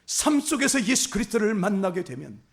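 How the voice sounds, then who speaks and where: High-voiced, fervent male pastor preaching. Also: big pitch swings, brisk. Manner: impassioned, repetitive exhortation with rising emphasis; addresses the congregation directly as "everyone". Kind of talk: sermon.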